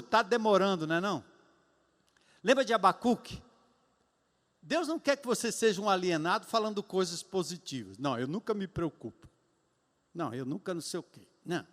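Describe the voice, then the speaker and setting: A high-pitched male preacher with a Brazilian Portuguese accent delivers a sermon with emphatic, dramatic swings. His voice rings through a church hall, trailing a long reverb. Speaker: pastor. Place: church sanctuary.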